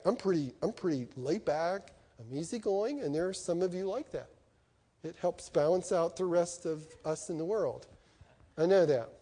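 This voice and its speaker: A middle-aged man preaching an animated sermon to students, swinging from loud to soft and acting out quoted voices. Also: sits high.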